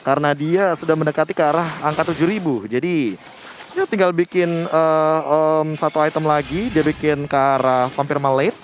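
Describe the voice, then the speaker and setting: A man's voice: fairly high pitch, fairly even intonation, moderate pace, faint music behind. A man with an Indonesian accent gives analytical live commentary on a video game match.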